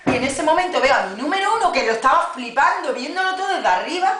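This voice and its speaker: Indignant flight attendant, far off. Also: female voice, sits high, lively intonation, fast talker, a bit bright, a little hiss or hum. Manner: indignant, swearing, acts out quoted dialogue. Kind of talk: casual chat, telling a story. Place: home, indoors. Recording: echoey room, far from camera, clattering dishes.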